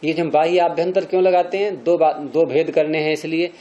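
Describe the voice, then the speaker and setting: Warm, higher-voiced male teacher. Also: fairly even intonation, a little fast, highs cut off. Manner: explains step by step, quizzing students. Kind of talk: classroom lecture on Sanskrit grammar.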